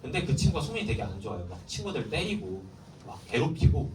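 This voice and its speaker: Lively, quizzing youth preacher in an echoey hall. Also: male voice, mid-range voice, quick pace, noisy background. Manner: lively, keeps quizzing the listeners. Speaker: youth pastor. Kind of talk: sermon to middle schoolers. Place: church hall. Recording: echoey hall, mic far off, faint ambience.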